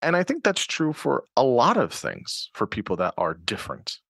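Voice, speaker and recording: Male host for a conversational interview: dry close sound, animated delivery, lots of "um" and restarts. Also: mid-range voice, moderate pace, creaky, dry recording. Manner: thinks aloud with many fillers and restarts. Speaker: podcast host.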